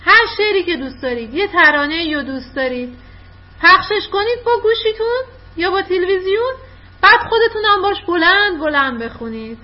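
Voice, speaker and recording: Brief: female teacher on a video call, higher-pitched, warmly praising, lo-fi dull sound. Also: lively intonation. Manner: encouraging, quick to praise. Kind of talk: online class, coaching children to read aloud. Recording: dull lo-fi online call audio.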